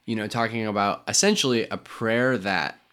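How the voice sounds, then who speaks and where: Young male co-host, lowish voice, easygoing faith-podcast chatter. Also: normal speed. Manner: relaxed, conversational, reads scripture aloud. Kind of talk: casual faith podcast chat.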